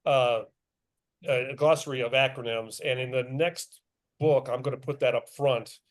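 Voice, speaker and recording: Speaking a little slowly in a steady, medium-pitched voice, a middle-aged male author addresses a club meeting. He keeps it casual and chatty, pokes fun at himself, laughs a lot, and takes questions.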